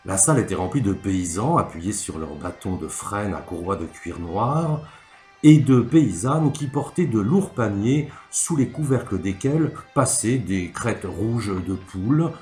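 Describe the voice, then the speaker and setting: Man reading a story with expressive lilt. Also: on the low side, unhurried. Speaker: narrator. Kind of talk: literary reading. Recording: echoey room, faint music.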